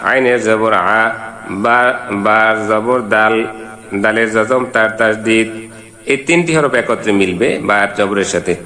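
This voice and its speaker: A man teaching Quran reading. He spells out letters and vowel marks one at a time, then chants each verse in slow, drawn-out syllables. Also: lowish voice, pushed and bright, reverberant. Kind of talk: step-by-step recitation lesson.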